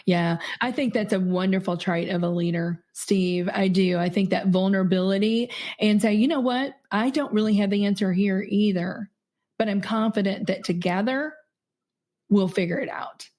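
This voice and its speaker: A middle-aged woman with a mid-range voice speaks at a normal pace as a guest on a podcast, where she's a company CEO in a conversational interview. She's warm and earnest, laughing easily and using lots of fillers.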